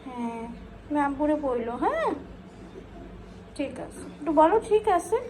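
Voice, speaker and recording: A woman's voice: sits high, sing-song, measured pace, a little mellow, a little hiss or hum, low-quality recording. A woman, vlogging at home at night and coaxing her toddler daughter in sing-song baby talk. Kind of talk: casual vlog chat to camera and toddler.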